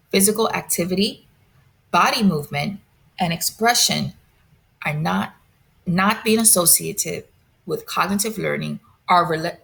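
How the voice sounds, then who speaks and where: Gravelly low-voiced woman lecturing. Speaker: presenter. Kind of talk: reading a scripted lecture.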